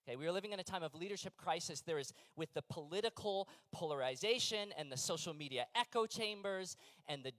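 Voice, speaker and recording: A man in his thirties preaches a sermon in a relaxed, conversational way, often pausing on fillers and restarting his sentences. His voice sits somewhat high for a man. The sound is close and dry, with almost no room echo. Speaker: pastor.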